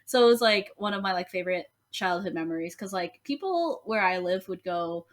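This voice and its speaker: A woman's voice: lowish voice, lively intonation, a little fast. A young woman co-hosting a casual podcast chat, rambling along with lots of "like" and poking fun at herself. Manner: chatty, rambling, heavy use of "like", self-deprecating. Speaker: podcast co-host.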